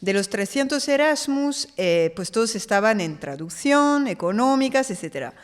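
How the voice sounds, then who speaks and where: French-born woman telling lively stories. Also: on the high side, moderate pace, long reverb tail. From France. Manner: lively, animated retelling with quoted voices. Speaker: guest. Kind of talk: casual interview storytelling.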